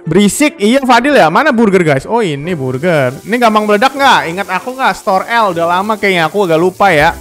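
A man with a high voice chats casually through a live game stream. He keeps repeating his questions to chat and thanking viewers, while faint game music plays underneath. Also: lively intonation, a little fast, few pauses, fairly bright tone.

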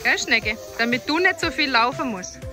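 A woman's voice: high-pitched, lively intonation, normal speed. Cheerful woman vlogging. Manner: chatty, cheerful, loose filmed commentary. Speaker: family travel vlogger. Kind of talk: casual vlog narration. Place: outdoors in rainforest. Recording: music playing behind the voice.

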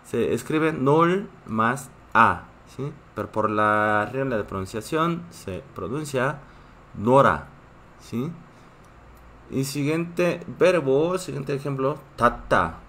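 A man's voice: mid-range voice, slow, fairly bright tone. A man who is a native Korean speaker, teaching a live online class in a patient way and often checking in with his students. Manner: reads chat and greets viewers.

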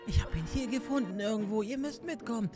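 A woman hosting a Minecraft role-play, excitable, often shouting and crying out. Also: fairly high pitch, fast talker. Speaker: host playing a character. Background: game music.

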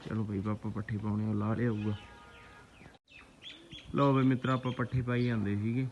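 Low-voiced Punjabi man vlogging outdoors. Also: level tone, normal speed, a little mellow, muffled recording. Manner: informal rustic talk, repeatedly greeting and addressing viewers as brothers. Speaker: farm and pigeon vlogger. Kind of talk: casual chatty outdoor vlog, addressing viewers as friends. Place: outdoors on a farm. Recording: noisy outdoor rural ambience, birds and animals.

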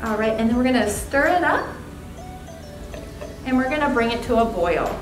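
High-voiced woman leading a cooking demo. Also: lively intonation, normal speed. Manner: upbeat step-by-step instruction. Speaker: cooking demonstrator. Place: demo kitchen set, indoors. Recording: roomy distant mic with music.

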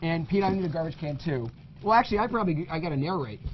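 A man hosting a casual party game, joking and energetic. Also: fairly high pitch, racing, lo-fi sound, slight background noise. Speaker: host.

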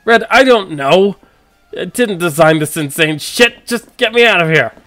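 A man voicing a greedy, reckless male thief in a game, excitable, exclaiming and pleading. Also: high voice, moderate pace, no room sound, faint music behind, pitched above the performer's own voice. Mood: panicked pleading. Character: greedy, reckless male thief who panics when trapped.

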